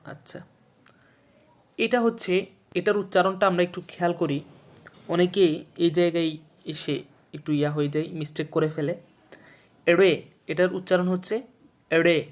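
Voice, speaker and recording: A man from Bangladesh teaching Urdu vocabulary from a textbook. He explains each word slowly, repeats words and their meanings, and quizzes the listener as he goes. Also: high voice, fairly even intonation. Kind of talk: textbook lesson for a video series.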